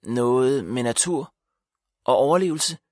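A man voicing a dreamy young boy who loves nature adventures, speaking quietly and a little reluctantly in an audiobook. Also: mid-range voice, lively intonation, dry recording, studio quality, close to an everyday voice. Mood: quiet, polite.

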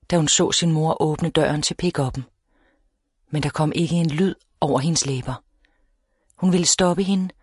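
A woman reading a novel aloud as an audiobook narrator, in a steady, measured storytelling manner. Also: on the low side, breathy edge, dry recording, clean studio sound. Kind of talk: scripted narration.

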